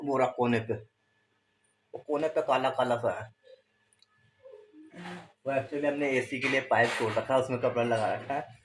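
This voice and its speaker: A man is casually vlogging at home. He is chatting playfully and chuckling with his toddler. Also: medium pitch. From Uttarakhand, India. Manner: playful, chuckling, sing-song teasing with a small child. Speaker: family vlogger. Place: family home, indoors. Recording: noisy home phone recording.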